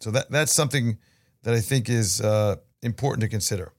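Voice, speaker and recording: A man hosts a long-running interview podcast, his fairly low voice moving briskly. He talks in a friendly, rambling way and restarts himself often.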